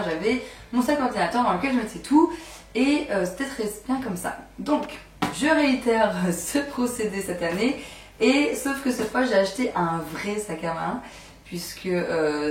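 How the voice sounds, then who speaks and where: Hoarse young woman chatting in an echoey room. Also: on the low side, far from the mic. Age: 20s. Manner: chatty, rambling with many fillers and restarts. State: hoarse, recovering from laryngitis. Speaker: beauty and lifestyle vlogger. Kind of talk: casual chat. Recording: echoey room, mic set back.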